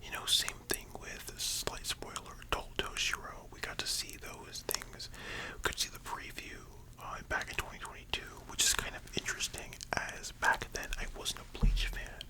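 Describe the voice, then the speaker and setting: A young adult ASMR host chatting about anime in a soft, sleepy library-style whisper, informal and rambling with casual asides. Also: normal speed, rough recording.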